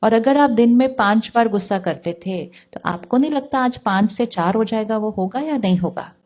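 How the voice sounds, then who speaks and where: A woman giving a calm spiritual talk, putting questions to her listeners and answering them herself. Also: on the high side, normal speed. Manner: calm, asks the audience rhetorical questions. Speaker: spiritual teacher.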